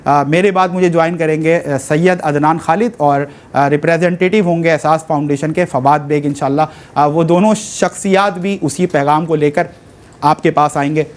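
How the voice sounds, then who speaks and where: Male telethon host, earnest appeal, voice pitched a bit high. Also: steady tone, moderate pace. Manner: earnest, religious phrases, mixes in English. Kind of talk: charity appeal.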